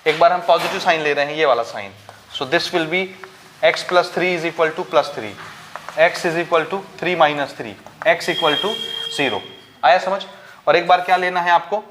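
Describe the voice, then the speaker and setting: A male maths teacher with a Chhattisgarh Hindi accent gives a board-style lesson, explaining each step, mixing English maths terms into Hindi, and posing questions to the class that he answers himself. He speaks slowly in a fairly high voice over a noisy background.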